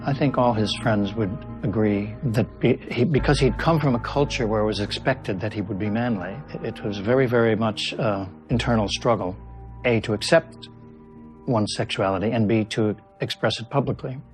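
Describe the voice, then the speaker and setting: A man's voice: fairly low pitch, normal speed, music in the background. A man interviewed as a broadcaster, speaking emphatically with some restarts. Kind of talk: interview commentary.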